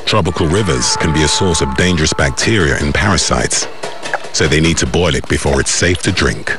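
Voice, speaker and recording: A man with a very deep voice narrates an adventure documentary. The delivery is scripted voice-over, laid over loud music. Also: lively intonation, a little fast.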